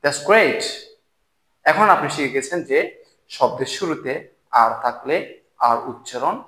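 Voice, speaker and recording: A man teaching English pronunciation to Bengali speakers. He explains clearly and encouragingly and repeats each example word slowly three times for viewers to repeat. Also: mid-range voice, lively intonation, bright, forceful tone. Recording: echoey room.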